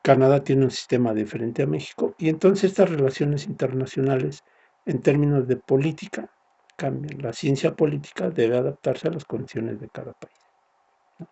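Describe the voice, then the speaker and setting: A man's voice: mid-range voice, moderate pace, gravelly, warm tone, breathy edge, highs cut off. A man giving a recorded university lecture, explaining step by step and often ending points with a tag question. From Mexico.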